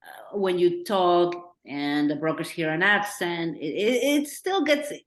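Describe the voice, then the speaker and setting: A middle-aged woman from Peru with a Peruvian accent, talking earnestly as a director in a Q&A and thinking out loud with restarts. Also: fairly low pitch, animated, a little slow. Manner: earnest, thinking aloud with restarts and acted-out quotes. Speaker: documentary director. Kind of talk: Q&A discussion. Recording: roomy echo.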